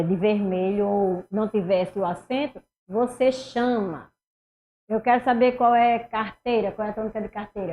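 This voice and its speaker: A woman from teaching a Portuguese exam review, asking herself questions and answering them, her voice swinging between loud and soft. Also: on the high side, lo-fi sound, slight background noise.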